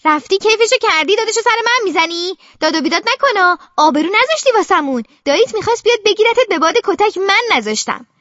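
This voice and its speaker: A nosy, scolding aunt by marriage, voiced by a woman narrating an audiobook, snaps at her niece in a very high, shrill and accusing tone. Each line lands as a sharp reproach full of mockery. The recording is close and dry, with a slightly dull, muffled sound. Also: expressive, hardly any pauses, no echo. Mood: scornful. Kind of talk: audiobook character voice.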